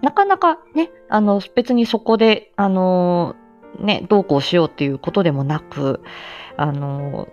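On a muffled lo-fi live audio stream with background music, an amateur voice drama actress chats casually, reminisces and answers listeners. Her fairly low, slightly slow and mellow voice has lively intonation, and she pokes fun at herself, laughing often as she talks.

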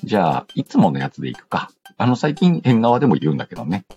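With a fairly low, dark voice, huge pitch swings and a quick pace, a man hosts a laid-back radio-style show. He reads listener letters playfully, using slang and interrupting himself with asides, over background music in a dull lo-fi recording.

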